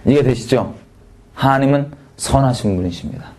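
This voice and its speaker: A man's voice: moderate pace, noisy background. Man preaching conversationally. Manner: casual, conversational preaching with many rhetorical questions to the audience; sudden swings between raised and dropped pitch for emphasis. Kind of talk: sermon.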